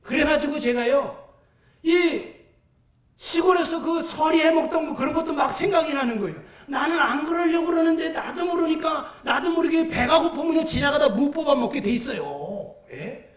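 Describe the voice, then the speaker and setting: Animated older man preaching in echoey church. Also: very high-pitched, normal speed. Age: 60s. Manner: animated storytelling with shouted bursts and acted-out voices. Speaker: pastor. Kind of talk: sermon. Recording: echoey church sound from a distant mic.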